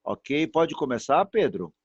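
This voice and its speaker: A man from Brazil teaching a class over a video call, patient and repetitive, stretching words out slowly to demonstrate them. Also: on the high side, very animated, breathy edge, no echo. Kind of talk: online class pronunciation lesson. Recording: dull, muffled sound, dry.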